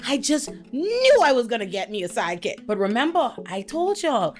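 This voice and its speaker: A woman's voice: fairly high pitch, moderate pace, faint music behind. A woman in her thirties from the Bahamas, telling comic stories in a scripted commentary with profanity and frequent laughter. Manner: animated, profane, laughing storyteller. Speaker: video essay host.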